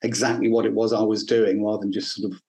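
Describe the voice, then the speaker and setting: With a fairly low, darkish voice that barely moves in pitch, a middle-aged neuroscience professor gives careful, hesitant answers as an interview guest. He has an English accent and comes from the north and Midlands of England.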